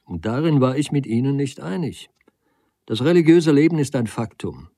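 A man's voice: medium pitch, lively intonation, moderate pace, warm tone, no echo, clean studio sound, voice pushed up. A man reading the lines of an intense young man who argues with fervent conviction in a storybook. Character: intense young man, earnest wandering philosopher.

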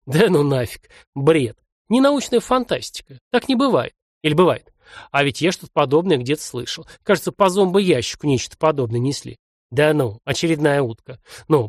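A man in his fifties voicing a weak, bedridden man who talks to himself in a hoarse, halting, wry way. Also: on the high side, no echo, studio quality. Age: 50s. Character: weak bedridden man waking in a stranger's body.

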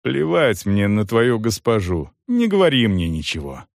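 A male narrator voicing a hard, cold soldier who speaks in gruff, clipped commands. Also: fairly low pitch, huge pitch swings, normal speed, no room sound, studio quality, exaggerated voice.

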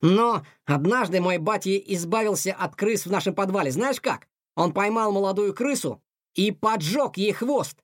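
A man's voice: sits high, lively intonation, normal speed, no echo, clean studio sound, pitched above the performer's own voice. A man voicing a cheerful, unflappable male yard cat in an audiobook, jaunty and matter-of-fact. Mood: wry.

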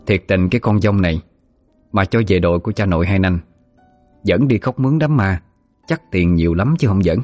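A man narrates a ghost story in a very deep voice, telling it vividly. Faint music plays softly underneath. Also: fairly quick, pauses often, no echo.

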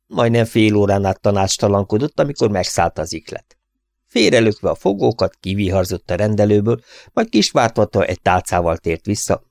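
A man narrating a humorous first-person audiobook in an expressive storytelling manner. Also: lowish voice, no room sound, clean studio sound.

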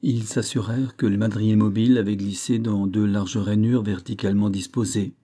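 A man's voice: steady tone, normal speed, mellow. A man reading a classic adventure novel aloud, lifting his voice for the characters' lines. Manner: reads dialogue with raised pitch and force. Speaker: audiobook reader. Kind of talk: scripted narration of a classic novel.

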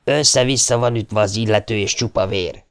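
A man narrating an audiobook voices a menacing teenage bully who shouts threats in a gravelly voice. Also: on the low side, natural voice. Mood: threatening. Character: brutal bully teen boy, snarling threats.

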